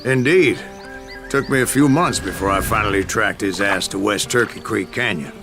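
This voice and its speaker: A man's voice: on the low side, moderate pace, over music, natural voice. An actor playing an aging bounty hunter who narrates his own western tall tales in a dry storytelling manner. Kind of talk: scripted game narration.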